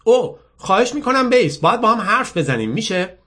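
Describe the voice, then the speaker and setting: Man putting on a high confident young woman. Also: big pitch swings, pushed and bright, exaggerated voice. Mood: persuasive.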